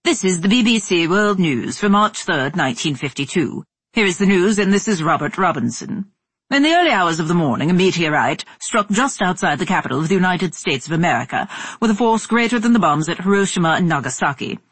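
A woman voicing a male radio newsreader, reading a bulletin in a measured way. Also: lowish voice, lively intonation, slightly rough, no echo. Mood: formal.

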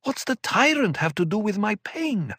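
A man's voice: sing-song, moderate pace, a bit bright, no echo, full character voice. A man voicing an anguished, pleading young woman in an audiobook, his voice raised well above his own. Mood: angry. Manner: pleading, emotional, raised pitch. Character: anguished young woman, former warrior sister.

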